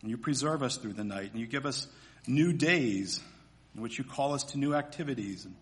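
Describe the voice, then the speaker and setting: Male preacher at a pulpit microphone; earnest, measured sermon delivery. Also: mid-range voice. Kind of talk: sermon with scripture reading and prayer.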